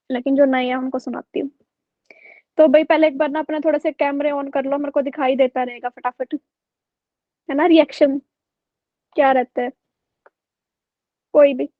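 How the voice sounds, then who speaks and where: A woman's voice: high voice, fairly even intonation, moderate pace, pauses often, dry recording, narrow, tinny audio. A woman teacher telling a story to her online class in a chatty way, often checking in with her students. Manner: chatty, keeps checking with "okay?".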